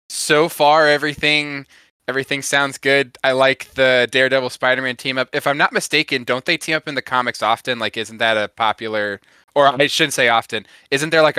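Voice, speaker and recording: A man's voice: mid-range voice, sharp tone, clean tone, no echo, clean studio sound. A man co-hosting a podcast, giving feedback in casual chat and often hedging and correcting himself agreeably.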